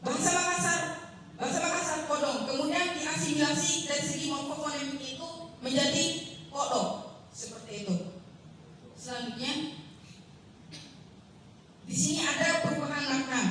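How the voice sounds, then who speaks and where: A young woman giving a seminar presentation, halting and apologetic, with many fillers and self-corrections. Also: high-pitched, fairly bright tone, a little hiss or hum. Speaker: student presenter. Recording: very echoey room, voice from far off.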